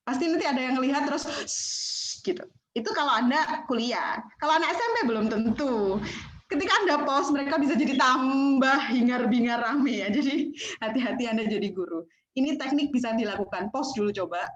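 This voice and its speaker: A woman delivers a training lecture over a video call, chatty and animated, slipping into the voices of students and teachers. Her voice sits a little high. The sound is echoey and a bit muffled, as if from a room through a laptop. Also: a little fast, a little hiss or hum. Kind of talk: online lecture. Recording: echoey, dull online call audio.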